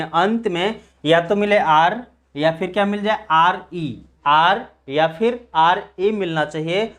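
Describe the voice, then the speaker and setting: Man teaching pronunciation, slightly high voice. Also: a bit bright. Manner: spells words letter by letter and drills them slowly; asks the class questions and answers them himself. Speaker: English teacher. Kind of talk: classroom pronunciation lesson.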